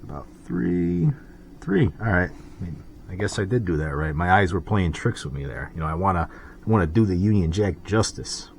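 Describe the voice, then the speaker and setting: A man's voice: sits low, a little fast, slight background noise. An American man hosting a casual drawing vlog, talking in a rambling, chatty way full of asides. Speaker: host.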